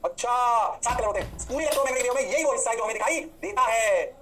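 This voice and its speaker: Fast-talking high-voiced male physics teacher. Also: expressive, a bit bright, a little hiss or hum. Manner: rapid, answers his own questions in a student's voice; drawn-out exclamations. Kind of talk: fast classroom lecture.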